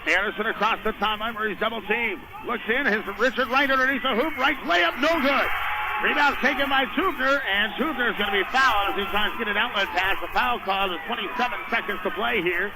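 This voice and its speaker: Heavy background noise surrounds a man doing brisk live radio play-by-play at an indoor high school basketball game. In a high voice, he narrates the action in quick, continuous fragments.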